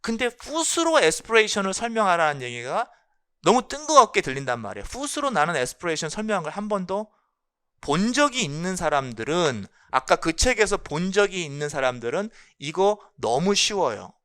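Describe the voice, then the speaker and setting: A man teaches an exam-prep class, his pitch jumping around animatedly. His voice is bright and crisp, and he keeps asking questions and then answering them himself. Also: moderate pace. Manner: lively, repeats key points, asks and answers his own questions. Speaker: English linguistics lecturer. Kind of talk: exam-prep lecture explaining phonology.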